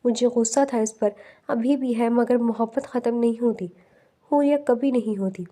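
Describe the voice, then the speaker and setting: Proud, sharp-tongued heartbroken young woman, read by a woman in a romance audiobook. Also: on the high side, steady tone, lightly acted. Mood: hurt.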